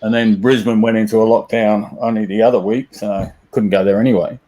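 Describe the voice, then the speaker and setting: A man's voice: lowish voice, little pitch movement, a little fast, dark tone, poor audio. A man chatting casually as a guest on a video call, laid-back and rambling. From Australia. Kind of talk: casual chat.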